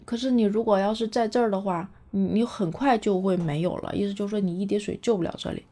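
A woman voicing a friendly, caring little plant-like bear in a cartoon story, warm and reassuring. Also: medium pitch, fairly even intonation, fast, close to an everyday voice. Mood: worried.

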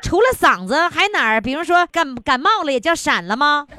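A woman's voice: sits high, big pitch swings, a little fast, crowd noise. A woman hosting a radio show, asking playful, teasing questions. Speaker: radio host. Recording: noisy, with an audience behind.

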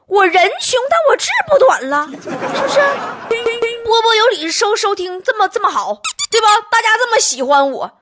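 A woman, a radio host delivering a playful, mock-dramatic comic monologue that she keeps tagging with drawn-out self-pitying asides. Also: extremely high pitch. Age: 30s.

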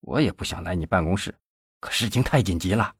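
A man's voice: medium pitch, big pitch swings, moderate pace, creaky, breathy edge, no echo, studio quality, voice pushed up, heavily acted. A man voicing a panicky, whining young male nephew in an audiobook, talking breathlessly and in a rush. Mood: panicked.

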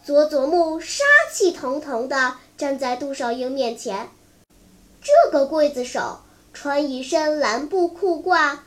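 A storyteller reading a long storybook aloud in a slow, careful way. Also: high-pitched.

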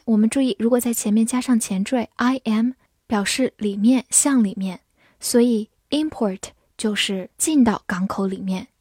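A woman teaches English vocabulary, spelling each word out slowly letter by letter. Her voice is mellow and somewhat husky, sitting a little high for a woman. The recording is dry and close. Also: dry recording. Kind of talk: vocabulary lesson.

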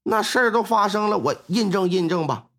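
A man's voice: high-pitched, fairly quick, fairly bright tone. A male storyteller voicing a grieving, irritable wealthy elder who curses and doubts. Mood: gruff. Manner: gruff, doubting.

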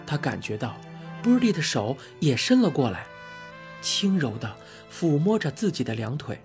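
A man narrating a novel as an audiobook in a soft, unhurried, intimate way. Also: a little high, very animated, gravelly, soft background music. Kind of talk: scripted narration.

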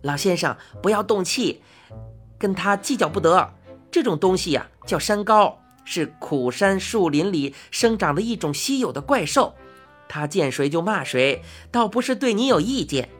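A woman's voice: on the low side, lively intonation, moderate pace, slightly rough, faint music behind. A woman voicing a coaxing merchant boss who talks like a salesman, in a storybook reading. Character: smooth-talking merchant boss.

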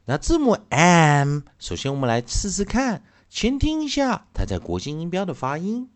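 A man teaching an English phonics lesson, slowly drawing out and repeating each sound for his students. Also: on the high side, wildly swooping pitch, no room sound.

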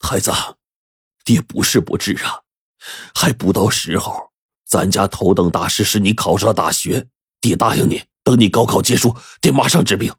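A man voicing a stubborn, sick rural father who scolds gruffly and hides his worry behind forced cheer. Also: fairly low pitch, moderate pace, no room sound, clean studio sound, full character voice. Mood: weary.

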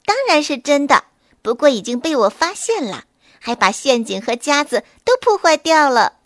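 A woman voicing a small, brave and clever gray rabbit in a children's story, brisk and confident. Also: high-pitched, very animated, fairly bright tone, dry recording, clean studio sound. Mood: cheerful.

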